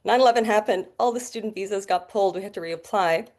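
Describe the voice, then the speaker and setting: Talking quickly in a mid-range, darkish voice, this Bahamian woman in her forties, who has a North American accent, chats as a guest doctor in a relaxed interview. She recounts her story warmly, laughing as she goes.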